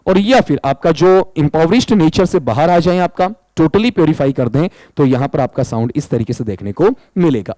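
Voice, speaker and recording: Patient and explanatory, this man teaches exam prep, going over answers with students he calls "beta." He splits words into individual sounds and spells each one out. His voice is fairly high-pitched with a dark tone, captured close to the mic in a dry, dead room on a low-quality recording.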